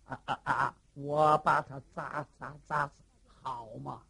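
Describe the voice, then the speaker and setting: A storyteller voicing a dim-witted, timid young giant warrior who stammers in a low, husky voice in a traditional storytelling performance. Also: steady tone, measured pace, pushed and bright, exaggerated voice. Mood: dim eager.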